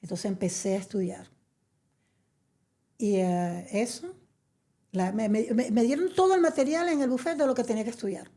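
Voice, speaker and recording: A woman from Venezuela, telling her story in an interview; she hesitates with many fillers and restarts, then turns lively and emphatic. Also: fairly high pitch, normal speed, pauses often. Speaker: interview guest. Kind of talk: conversational storytelling.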